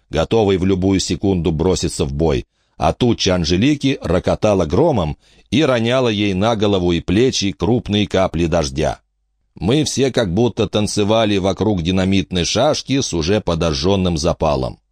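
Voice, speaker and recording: A man narrating a first-person audiobook in a low, lively voice. His pitch rolls up and down expressively, and the sound is dry and close. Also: moderate pace, no room sound. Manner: expressive storytelling.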